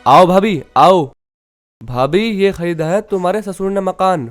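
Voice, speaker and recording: A coaxing Haryanvi brother-in-law. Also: male voice, high-pitched, a little slow, faint music behind. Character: younger brother-in-law, soothing.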